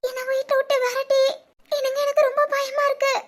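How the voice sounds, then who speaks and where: A woman's voice: very high voice, monotone, a little fast. A woman playing a frightened young pregnant wife who stammers and hesitates in a village family drama. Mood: fearful.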